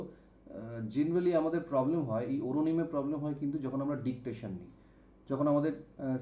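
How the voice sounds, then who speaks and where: Mellow-voiced man teaching vocabulary. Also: on the high side. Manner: explains slowly, repeats words and asks "ok?". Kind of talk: exam-prep lesson. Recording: dull, echoey room sound.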